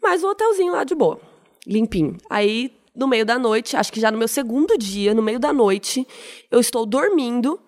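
A woman's voice: a little high, moderate pace. A woman chatting casually on a podcast, telling a travel story with laughs and acted-out voices. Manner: animated storyteller, laughing often, acts out voices. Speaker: podcast guest. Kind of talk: casual chat.

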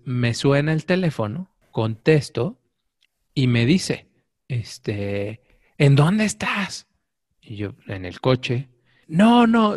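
A middle-aged Mexican man tells stories in a relaxed chat and slips into the people he quotes. His voice sits at a middle pitch. The sound is dry and close, with no room echo. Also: creaky. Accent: Mexican Spanish. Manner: animated storyteller, acts out quoted voices. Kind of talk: casual chat.

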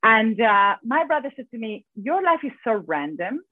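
Argentine lady guest on a podcast, strong accent, talks super fast, tinny phone sound, dry. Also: on the high side, no room sound. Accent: Argentine Spanish. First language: Spanish. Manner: fast-talking, animated storyteller. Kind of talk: podcast interview. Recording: tinny phone-line audio.

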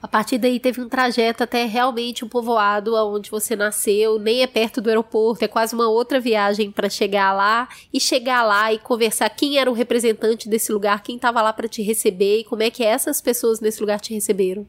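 A woman's voice: fairly high pitch, steady tone, a little fast, few pauses. A woman, hosting and asking the guest questions that draw out her story. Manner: curious, prompting the guest for details. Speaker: host. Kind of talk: interview questions.

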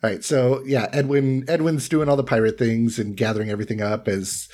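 A man's voice: medium pitch, steady tone, a little fast, a little mellow. A man playing in a tabletop role-playing game, joking around and dropping into mock pirate talk. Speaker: player. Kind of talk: tabletop role-play banter.

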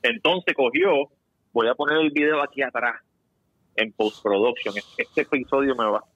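Guy hosting a podcast, bright forceful voice, kinda dull dry sound. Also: mid-range voice, normal speed, no room sound. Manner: animated storyteller, swears casually. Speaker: podcast host. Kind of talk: casual podcast chat.

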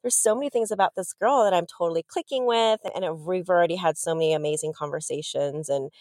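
A woman in her thirties from Southern California, telling her story as a podcast guest in a chatty, animated way. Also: on the low side, fast talker, dry recording, clean studio sound. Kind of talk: casual interview storytelling.

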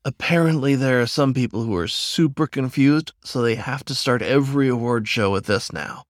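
A man voicing a young male chipmunk who is easily flustered and answers in quick, fussy replies. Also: medium pitch, no room sound, clean studio sound, natural voice.

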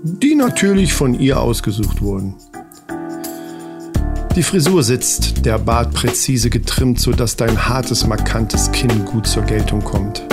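Guy doing scripted comedy narration, mock-dramatic, clear music bed behind. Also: mid-range voice, animated, slow pace. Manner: addresses the listener as you, mock-dramatic.

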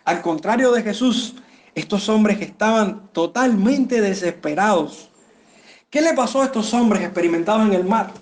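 Male pastor, higher-pitched voice, expressive sermon delivery aimed at the congregation. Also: normal speed. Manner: expressive preaching, pitch rising and falling for emphasis; addresses listeners directly.

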